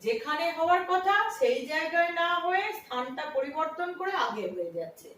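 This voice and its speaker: A woman's voice: high-pitched, big pitch swings, brisk, a bit bright. A woman teacher explaining a lesson step by step, asking questions and answering them herself. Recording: echoey room, from a distance, faint noise.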